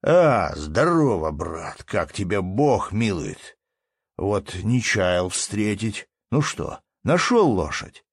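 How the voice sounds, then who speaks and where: A man's voice: fairly low pitch, takes it slowly, no echo, clean studio sound. A man doing a jovial, sly peasant.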